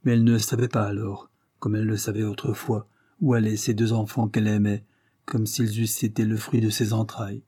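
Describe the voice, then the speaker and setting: A man narrating a classic novel as an audiobook with steady storytelling. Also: lowish voice, brisk, husky, no room sound, studio quality.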